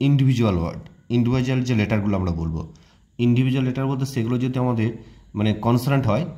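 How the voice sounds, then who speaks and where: A man's voice: medium pitch, mellow. A man whose first language is Bengali, giving a classroom-style grammar lesson as an English teacher. He explains step by step and poses questions that he answers himself.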